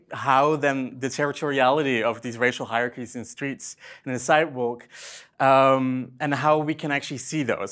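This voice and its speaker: A man in his twenties giving an academic talk at a symposium, out of breath after dancing and filling pauses with many ums. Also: medium pitch. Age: 20s. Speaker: symposium speaker. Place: event space in a museum.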